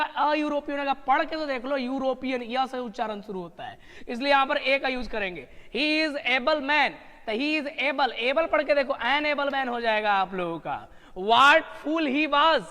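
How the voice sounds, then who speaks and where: A high-pitched man with a bright, forceful voice runs a lively online English grammar class, cheering his students on. His voice carries a long reverb. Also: clear, resonant tone. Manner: energetic, encouraging, praising students. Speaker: English teacher.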